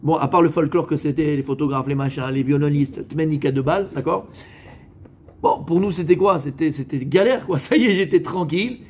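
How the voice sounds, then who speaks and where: A man from France, a rabbi, giving a lively, joking sermon to a live audience, talking straight to his listeners and mixing in Hebrew religious words. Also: fairly high pitch, brisk, slightly rough.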